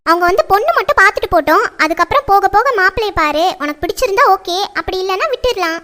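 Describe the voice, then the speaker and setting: A woman plays a strict middle-aged mother who scolds and lectures without pause. Her voice sits very high and piercing. She pleads and insists in the manner of a family drama. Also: animated, pushed and bright, heavily acted. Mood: persuading.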